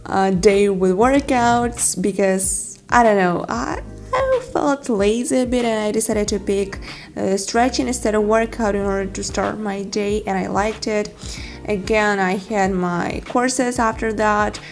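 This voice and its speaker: In an echoey room with soft music in the background, a young Ukrainian woman gives relaxed vlog narration. Her mid-range voice moves at an unhurried pace, and she sounds sincere, frequently pausing on fillers and starting over.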